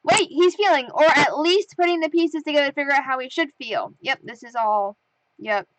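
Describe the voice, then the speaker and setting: A young woman with a high voice chats casually while reading fan comments on her comic. She is lively and giggly, and she slips into playful voices for some of the lines. The sound is close and dry. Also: a little fast, no echo, rough recording. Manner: animated, laughs often, reads comments aloud with playful voices. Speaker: webcomic artist reading comments. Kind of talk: casual chat.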